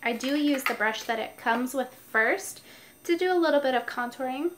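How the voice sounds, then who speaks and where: Recording at home on a noisy mic with slight background noise, a woman whose voice sits high and a bit bright chats through her makeup routine at a moderate pace. This beauty vlogger has a stuffy nose and explains every step in a casual, chatty way.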